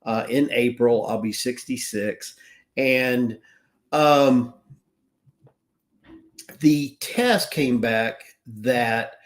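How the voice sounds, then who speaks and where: A man's voice: medium pitch, a bit bright. A man in his sixties in casual live-stream talk, earnest and rambling, often restarting his sentences. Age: 60s. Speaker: wellness business owner.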